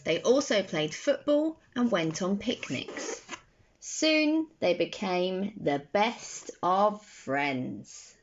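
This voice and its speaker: Speaking at medium pitch, a young woman reads a bedtime story for kids, taking it slowly with expressive, careful phrasing. The phone at arm's length in her bedroom gives a slightly dull sound and a little hiss or hum.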